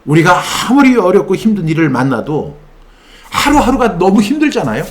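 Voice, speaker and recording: Animated Korean pastor preaching. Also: male voice, high voice, brisk. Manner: animated preaching, acts out quoted voices. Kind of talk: sermon.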